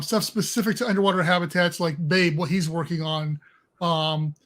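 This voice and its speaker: A man co-hosting a live stream, chatting casually with informal, folksy phrasing. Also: high voice.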